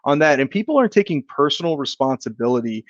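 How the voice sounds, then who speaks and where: A man's voice: a little high, big pitch swings, no echo. Earnest man, dull dry recording. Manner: earnest and reflective, speaks deliberately. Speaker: podcast guest, insurance agent. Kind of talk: casual chat.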